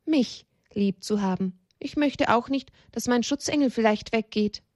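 A woman's voice: on the high side, normal speed, a little mellow, dry recording, clean studio sound, voice pushed up, natural voice. A woman voicing a small, timid young animal boy in a children's storybook, pleading and tearful.

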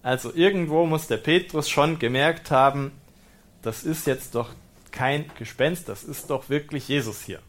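A man, a priest, reads a Gospel passage and explains it in a reflective sermon, calm and lightly humorous. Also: a little high, unhurried. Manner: German-speaking preacher. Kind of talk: sermon with scripture reading.

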